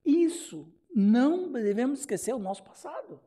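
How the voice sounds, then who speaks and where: A pastor with a Brazilian Portuguese accent gives a Bible study sermon as an animated storyteller, acting out dialogue and laughing often. His voice is very high and husky, at a moderate pace.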